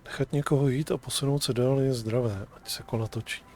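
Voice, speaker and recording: A man's voice: mid-range voice, fairly even intonation, quick pace, a little mellow. A man streaming a video game, reading dialogue choices aloud with casual commentary.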